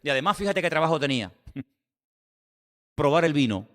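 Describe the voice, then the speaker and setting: A male pastor delivering an animated, conversational sermon to his congregation, full of rhetorical asides. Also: on the high side, moderate pace, long reverb tail. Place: church.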